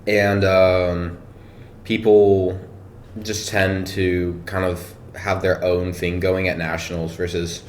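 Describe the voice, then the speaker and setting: Deep-voiced man chatting casually. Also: slow. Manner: relaxed, thinking aloud with many fillers. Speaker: powerlifter guest. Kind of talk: casual podcast chat. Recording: echoey room, faint noise.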